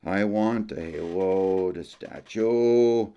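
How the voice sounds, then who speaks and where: A man's voice: on the low side, very slow, warm tone, clean tone, dull audio. A man doing an eager Acadian French woodsman. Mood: eager, emphatic. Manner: broken English, eager and emphatic.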